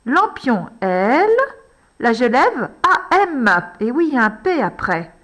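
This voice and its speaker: Slow, sing-song teacher spelling letters. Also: female voice, fairly high pitch, sing-song, fairly bright tone. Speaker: primary school teacher. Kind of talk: handwriting lesson for young children.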